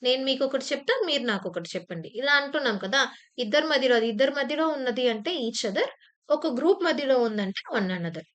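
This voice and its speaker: A woman's voice: high voice, animated, fast, fairly bright tone. A woman teacher giving an exam-prep grammar lesson, explaining patiently with repeated examples and sometimes acting out short phrases with sudden emphasis. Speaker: English teacher. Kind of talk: exam-prep lecture in Telugu mixed with English terms. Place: online class recording.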